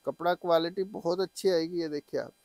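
A middle-aged man giving an eager teleshopping-style sales pitch, full of repeated assurances, as he presents products on a lapel mic. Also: a little fast, creaky, darkish tone, no room sound. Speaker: saree shop seller and presenter. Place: small saree shop, indoors. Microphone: clip-on lapel mic.

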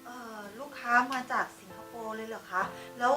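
A woman playing an anxious, excitable newly promoted employee who frets and exclaims loudly in an online short drama. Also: a little high, fairly quick, soft background music. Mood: hesitant. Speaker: new marketing manager.

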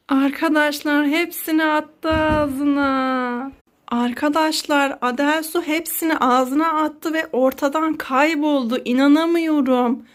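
A woman in her thirties with a high, bright-pitched voice, hosting a playful family skit vlog. She talks as a mother fussing over her child, full of dramatic exclamations and sing-song concern.

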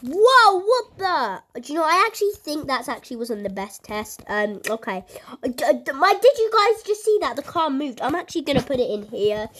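A woman's voice: high voice, very animated, fairly quick, fairly bright tone, a little hiss or hum. A young woman giving casual commentary on her gameplay, chatty, with many fillers and a constant "guys". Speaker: gaming YouTuber.

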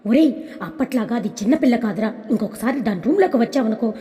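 A stern, scolding old grandmother, as a woman narrator puts her on. Her voice sits a little high and mellow, with a long reverb trailing behind it. She talks sharply and keeps up the reprimand. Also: expressive, quick pace, lightly acted.

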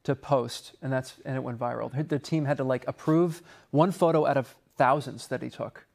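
A male TV news reporter narrating a feature and chatting on set in a news studio, animated delivery. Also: mid-range voice, normal speed, vocal fry.

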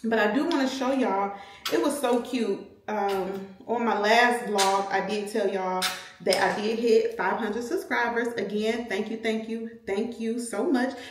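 A woman's voice: a little high, a little slow, reverberant. A middle-aged woman chatting casually to her vlog viewers at home and in her car. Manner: chatty, animated, says "y'all" a lot. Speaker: vlogger, mother.

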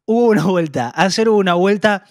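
An Argentine man co-hosting a podcast, chatting casually, often hesitant and trailing off softly. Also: sits high, expressive, a little fast, dry recording, studio quality. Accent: Argentine Spanish. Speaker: podcast co-host. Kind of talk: casual chat.

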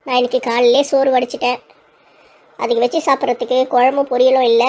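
Shrill, rapid-fire old grandmother with a scolding, threatening manner, played by a woman. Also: level tone, a little mellow, lightly acted. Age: older. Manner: scolding, threatening, then tearful. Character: feisty quarrelsome old grandmother. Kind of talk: comic village skit acting.

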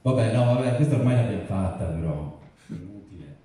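A man's voice: sits low, lively intonation, fast. A young man chatting informally and self-deprecatingly on stage. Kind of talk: casual stage chat. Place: large theatre stage at a convention. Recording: echoey hall from far off, loud audience.

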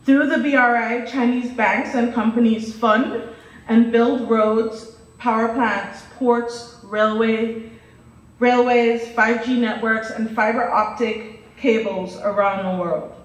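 A woman's voice: fairly high pitch, fairly even intonation, takes it slowly. A woman from Guyana, raised in Jamaica, giving a prepared academic lecture and listing points steadily. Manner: reads steadily from prepared remarks, listing items one by one. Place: lecture hall with a stage and screen. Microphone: podium mic, far camera. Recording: echoey hall, voice from far off.

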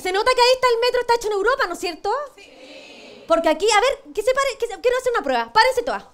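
A woman's voice: very high-pitched, expressive, quick pace. A Chilean woman doing a stand-up comic monologue on a TV panel show, cheeky, self-mocking and crude in her punchlines. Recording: TV studio with audience laughter. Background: studio audience laughing.

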